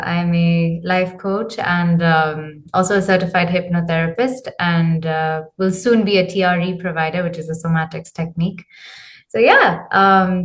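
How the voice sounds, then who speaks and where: A woman in her thirties, a coach from Zambia, answering interview questions casually with many ums and uhs. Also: fairly low pitch. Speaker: guest, men's clarity coach.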